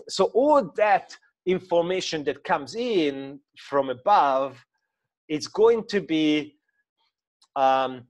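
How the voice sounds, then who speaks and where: A man in his thirties speaks English with a Hungarian accent, coaching informally as he talks through a drawing on a shared screen. His voice sits a little high for a man. He hesitates often, with plenty of fillers and restarts. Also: lively intonation, very slow. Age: 30s. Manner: hesitant, many fillers and restarts, non-native grammar. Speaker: mindset coach. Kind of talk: informal talk to camera with screen-share explanation.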